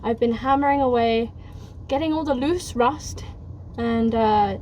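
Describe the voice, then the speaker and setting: A woman's voice: on the high side, unhurried, darkish tone, faint music behind. A woman chatting casually on camera while she does hands-on work converting a bus, upbeat and talkative. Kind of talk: casual vlog narration.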